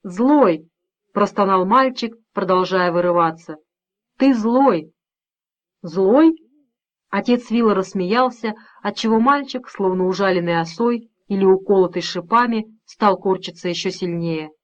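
A woman narrates a novel in a measured, expressive way at a medium pitch. The recording is slightly dull and lo-fi. Her reading is steady and clear. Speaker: audiobook narrator. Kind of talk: scripted narration.

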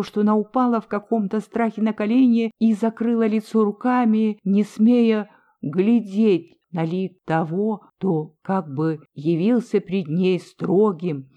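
A woman reading a classic novel aloud in a measured, even storytelling manner. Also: mid-range voice. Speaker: audiobook reader. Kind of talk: audiobook narration of a classic novel. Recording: dull lo-fi recording.

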